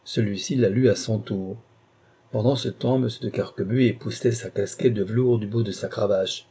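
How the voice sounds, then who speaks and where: Mellow, husky male audiobook narrator. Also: lowish voice, steady tone, normal speed. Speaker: audiobook reader. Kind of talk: scripted narration of a classic novel.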